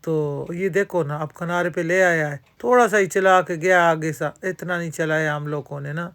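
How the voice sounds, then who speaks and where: Chatty woman vlogger. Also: sits low. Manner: chatty, talks straight to viewers, many religious phrases. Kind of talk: casual vlog narration. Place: outdoor amusement park.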